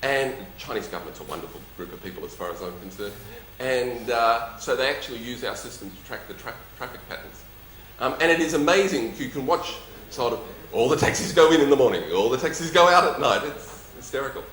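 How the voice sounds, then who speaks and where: A company executive with a lisp presents and takes audience questions in a Q&A session, sounding jovial, emphatic and dryly funny. His medium-pitched, fairly bright voice has lively intonation, and he talks briskly with hardly any pauses. The room is echoey, with faint background noise.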